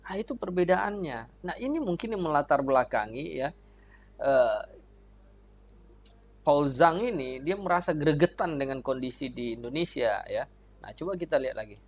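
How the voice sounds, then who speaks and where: A man's voice: fairly high pitch, lively intonation, moderate pace. A man hosting his channel as an evangelist, commenting earnestly on a video and leaning on tag fillers. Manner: earnest, leans on tag fillers like ya and gitu loh. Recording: dull lo-fi sound.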